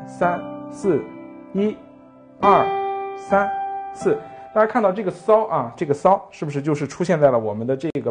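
Man teaching piano lively, animated speech. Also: a little high. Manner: counts beats aloud, asks frequent rhetorical tag questions. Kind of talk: music lesson with counting and playing. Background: piano playing.

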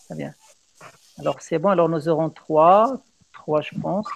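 Un homme, professeur, donne un cours de poésie française en visioconférence, patient et guidant ses élèves. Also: male voice, fairly high pitch, a little slow, creaky, a little hiss or hum. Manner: patient, guiding, repeats praise. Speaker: teacher. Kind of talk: online French poetry lesson.

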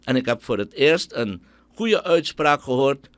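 Indignant Surinamese Dutch radio ranter. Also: male voice, mid-range voice, animated, unhurried, no echo. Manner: indignant, ranting, scornful. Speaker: radio commentator. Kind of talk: opinionated radio monologue.

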